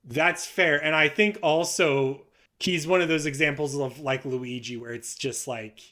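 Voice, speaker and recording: A man's voice: on the high side, fairly even intonation, measured pace, sharp tone. A man co-hosting a podcast, chatting loosely and jokingly about video game characters, often trailing off. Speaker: podcast co-host.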